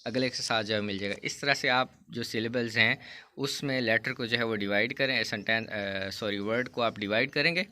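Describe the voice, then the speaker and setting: Bright-voiced male teacher explaining grammar. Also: mid-range voice. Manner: explains in Hindi-Urdu, reads English rules slowly, many fillers. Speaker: English teacher. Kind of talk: classroom grammar lesson.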